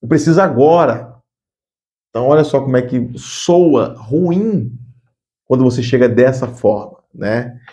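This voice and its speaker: A man's voice: mid-range voice, lively intonation, measured pace, dark tone. A man giving an earnest spoken lesson on workplace communication, often repeating words as he thinks. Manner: acts out curt bossy phrases as examples.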